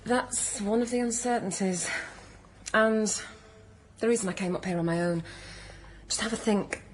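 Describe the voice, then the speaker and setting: In a naturalistic radio drama, an actress with a medium-pitched voice plays a touchy, flippant, bookish woman visiting her old friend, delivering her lines in a wry, guarded manner at normal speed. The performance is lightly acted, and the low-quality recording carries a little hiss or hum.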